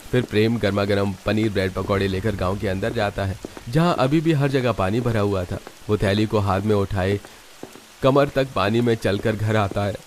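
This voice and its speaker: A man narrating a cartoon story in a steady, even way. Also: lowish voice.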